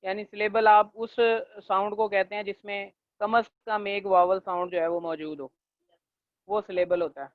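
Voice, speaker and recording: A male linguistics lecturer teaching a class, leaning on fillers and checking in often, and slowing down to dictate definitions. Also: high-pitched, level tone, no room sound. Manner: leans on the filler "jo hai na" and checks in with "theek hai"; slows down to dictate English definitions. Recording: tinny, dry, phone-like recording.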